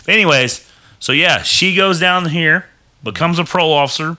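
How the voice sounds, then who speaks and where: A man's voice: a little high, moderate pace, pushed and bright. A young man telling a long story in a casual chat, rambling and swearing often. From Texas. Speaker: podcast guest.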